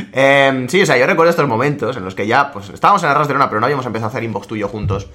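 A young man chats casually, laughing a lot and using plenty of slang. His voice is animated and bright, with a lot of movement in pitch. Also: racing. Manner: lively, laughs often, slangy. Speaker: podcast co-host. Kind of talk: casual chat.

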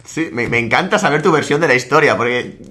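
A young man co-hosting a casual chat, lively and slangy, laughing often. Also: mid-range voice, quick pace. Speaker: podcast co-host.

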